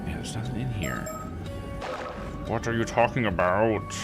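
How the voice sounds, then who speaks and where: A man streaming a game offers casual live commentary at a measured pace, thinking aloud in disbelief. His voice is on the low side, with game music audible behind him.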